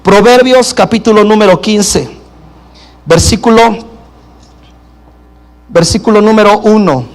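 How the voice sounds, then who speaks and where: A man's voice: high-pitched, unhurried, pauses often. A male pastor preaching a sermon, prompting the congregation to answer back. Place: church service in a home gathering.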